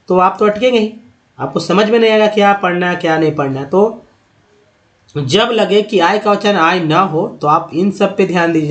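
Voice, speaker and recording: A man teaching English reading in a patient lesson, repeating each word slowly and sounding it out. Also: on the high side. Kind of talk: Hindi-language phonics lesson.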